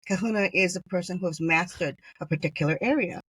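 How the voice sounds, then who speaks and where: A woman's voice: fairly low pitch, fast talker, fairly bright tone, breathy edge, no echo. A middle-aged woman from Hawaii, a podcast guest chatting through personal stories with many fillers. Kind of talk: conversational storytelling interview.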